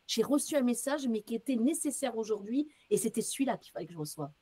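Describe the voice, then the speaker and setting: A woman medium, interviewed as a guest, telling stories in a casual, lively way, acting out bits of dialogue and using casual slang. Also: on the high side, fast, slightly rough. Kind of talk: casual storytelling.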